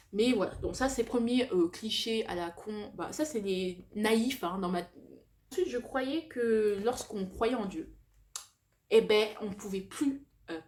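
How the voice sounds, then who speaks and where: A young woman vlogger with a lisp and slushy s sounds, chatting casually and confessionally to viewers, halting and correcting herself, dropping in slang and bits of English. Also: mid-range voice, darkish tone.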